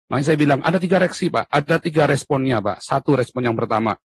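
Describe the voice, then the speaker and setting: A man being interviewed in casual conversation, animated and at times emphatic, almost shouting. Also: medium pitch, fast talker, slightly rough, no echo. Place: abroad in Europe.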